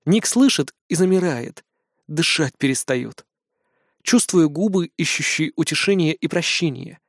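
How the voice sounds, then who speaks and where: A man narrating an audiobook in a steady, intimate first-person storytelling manner. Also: on the high side, measured pace, no echo, clean studio sound.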